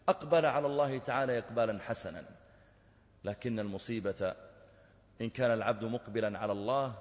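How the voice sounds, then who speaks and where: A man preaching a sermon with storytelling, impassioned and swelling to loud emphasis. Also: medium pitch. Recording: echoey hall, dull lo-fi sound.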